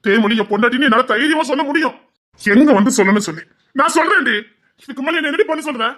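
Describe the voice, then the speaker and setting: An actor with a Tirunelveli Tamil accent playing a desperate young man who pleads with his lover, swinging from hushed pleas to shouting. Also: extremely high pitch, expressive, fast, full character voice. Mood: impassioned. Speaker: actor in a romance drama. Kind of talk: emotional drama acting.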